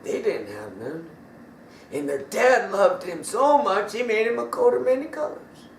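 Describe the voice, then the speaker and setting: Lively, slow-talking male storyteller. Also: sits high, gravelly, distant mic, a little hiss or hum. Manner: animated, emphatic, casual grammar. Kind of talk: bible story told to children. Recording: echoey room from afar.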